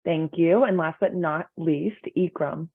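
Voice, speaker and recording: On a video call with tinny, phone-like audio, a friendly and organized moderator hosts a webinar panel, guiding each speaker in turn. Her mid-range voice is measured, with vocal fry, a breathy edge, and no room sound.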